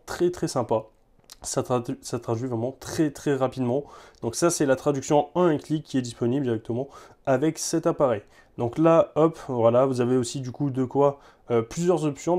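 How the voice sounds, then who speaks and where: Man, tech reviewer, mellow warm tone, middle pitch, casual demo, loose chatty delivery. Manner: relaxed, lots of filler words and repeats.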